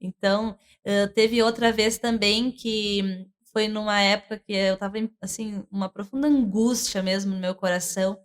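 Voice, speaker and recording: A woman's voice: medium pitch, steady tone, normal speed. A woman, a church minister telling an earnest, emotional testimony in conversation. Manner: earnest, emotional storytelling with many fillers. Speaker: church minister, worship leader.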